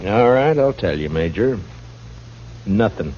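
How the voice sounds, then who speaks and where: Steady dry frontier lawman, low voice, muffled old radio broadcast. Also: measured pace, a little hiss or hum. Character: calm, tough frontier lawman, grown man. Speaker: lead actor as U.S. marshal. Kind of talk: 1950s radio drama acting.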